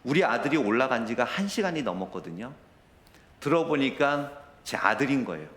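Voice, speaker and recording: A male pastor in middle age delivers a heartfelt sermon. His voice moves lively across its range, from soft low asides to high, strained peaks. The church room adds a clear, roomy echo. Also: brisk. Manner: storytelling, rising to emotional intensity. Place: church sanctuary.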